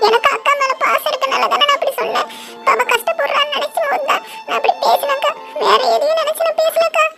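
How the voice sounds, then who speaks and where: A shrill, whiny younger sister in a cartoon, as a woman plays her, defensive and talkative, with a very high, gravelly voice over soft music. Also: steady tone, normal speed, exaggerated voice.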